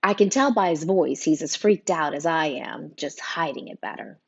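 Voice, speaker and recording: A woman narrating a first-person audiobook in an expressive, emotional way, voicing every character. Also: low voice, moderate pace, vocal fry, husky, lo-fi sound.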